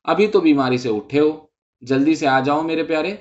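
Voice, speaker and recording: A man's voice: a little high, darkish tone, natural voice. A man voicing an affectionate middle-aged mother who coaxes her son indoors, in a dull lo-fi recording. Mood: fond coaxing. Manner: affectionate, coaxing.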